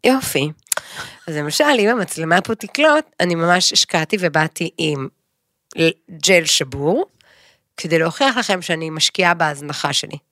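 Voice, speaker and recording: A woman's voice: low-pitched, lively intonation, no room sound. Woman co-host, 30s, theatrical self-mocking chat, dry close sound. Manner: bursts into loud sung snippets; dramatic, self-mocking complaints. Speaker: podcast co-host. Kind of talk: casual chat.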